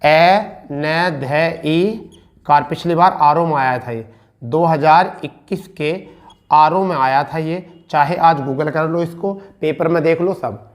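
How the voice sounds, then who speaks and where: A male teacher, his voice slightly higher than most men's, drills spelling in an online exam-prep lesson. He speaks, says each word twice and quizzes his students on it. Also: takes it slowly. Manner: addresses listeners as beta and bhaiya. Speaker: Hindi teacher.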